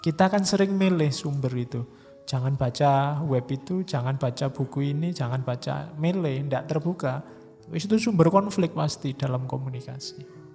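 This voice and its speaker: A man with a Javanese accent giving a relaxed, conversational philosophy lecture, slowing down for emphasis. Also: fairly high pitch, gravelly. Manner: relaxed, conversational, with mock quotes and slow emphasis. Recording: hall reverb with faint music.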